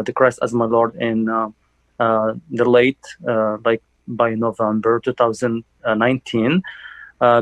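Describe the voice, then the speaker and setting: A young man from Algeria giving a personal testimony in church, speaking haltingly with many fillers and restarts. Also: mid-range voice, dry recording, poor audio. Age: young adult.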